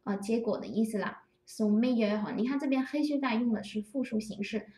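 A woman teaching French grammar to Chinese-speaking learners, patiently explaining and slowly repeating example phrases. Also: fairly high pitch, dark tone. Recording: roomy echo, distant from the mic.

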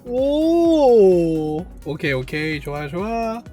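Kit builder narrating a build, swooping pitch, self-praising, muttering to themself, faint music underneath. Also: sing-song, slow pace, warm tone. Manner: chatty, talks to self while building; playfully boastful, self-praising. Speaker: model kit reviewer. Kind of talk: hands-on build commentary.

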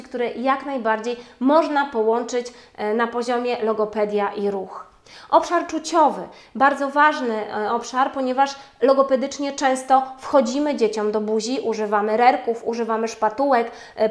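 A woman giving a webinar lecture on speech therapy, formal and measured, with frequent hesitation sounds. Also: on the high side. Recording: roomy echo.

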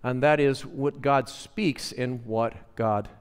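A male pastor teaching a sermon, repeating phrases for emphasis and calling on the congregation, moving between hushed and loud lines. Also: medium pitch, fairly even intonation, takes it slowly, smooth. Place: church sanctuary. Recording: long reverb of a church hall.

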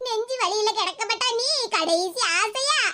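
A woman's voice: very high-pitched, normal speed, pushed and bright. Woman doing a weepy gossiping old cartoon woman. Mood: lamenting. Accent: Tirunelveli Tamil. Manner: lamenting, chatty.

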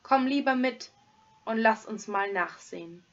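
A woman's voice: a little high, unhurried. A woman doing an easygoing robber. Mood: calm. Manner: soothing, easygoing. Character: calm good-natured male robber. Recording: dull lo-fi recording.

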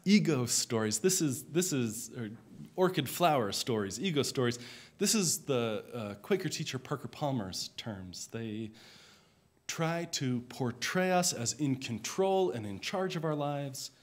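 Man, minister, sermon, unhurried, mid-pitched, reflective, soft phrase endings. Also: expressive. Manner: slow, reflective, measured delivery.

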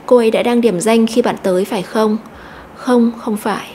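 A woman teacher explaining an English lesson step by step, slowly repeating each word to stress. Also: on the high side, fairly even intonation, darkish tone, slight background noise. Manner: methodical, repeats words slowly.

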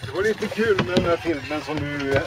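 An older man chatting casually and enthusiastically on a small sailboat, swearing freely in his praise. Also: fairly high pitch. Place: small sailboat at sea in wind. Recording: loud wind noise, distant.

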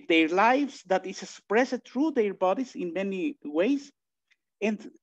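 With a high-pitched voice and a Mexican accent, a native Spanish speaker from Mexico teaches philosophy online from his home. He reasons out loud with frequent restarts, filler sounds, and spirited asides, and the webcam on the call gives the audio a dull, lo-fi quality.

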